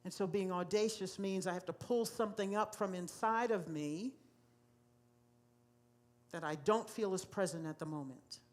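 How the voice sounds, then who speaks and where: A woman's voice: mid-range voice, moderate pace, a little mellow. Woman pastor preaching in church, emphatic, says stuff twice for effect. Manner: emphatic, repeats phrases for effect. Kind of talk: sermon. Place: church sanctuary.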